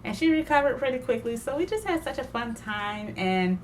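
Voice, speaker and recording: A woman's voice: a little high, sing-song, fairly quick, slight background noise. Chatty woman sewing vlogger. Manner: chatty, digressive, laughs often. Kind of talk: casual chat.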